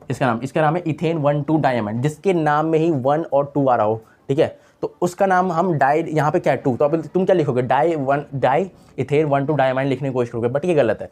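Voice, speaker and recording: A young man gives a casual online chemistry lesson, repeating key terms and posing questions he then answers himself. His voice is fairly high and a little mellow, and he talks a little fast with few pauses.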